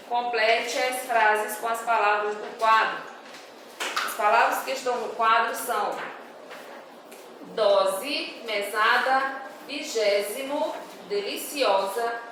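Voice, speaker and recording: A woman, a primary school teacher going over homework answers with young children, patient and drawing her words out clearly. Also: a little high. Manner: slow, patient, reads words out syllable by syllable for young pupils. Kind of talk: recorded homework correction for children. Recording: very echoey room, voice far from the mic, faint noise.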